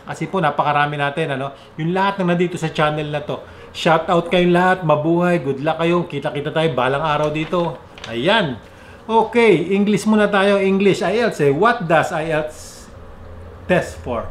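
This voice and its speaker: A Filipino man with a Filipino accent talks to his viewers in a chatty vlog, switching between English and Filipino. His voice sits a little high and keeps jumping up and down in pitch and loudness. The recording sounds roomy and echoey, with a faint hiss behind it. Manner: pitch and loudness swing up and down a lot. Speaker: vlogger. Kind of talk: casual vlog explainer. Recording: echoey room with faint background noise.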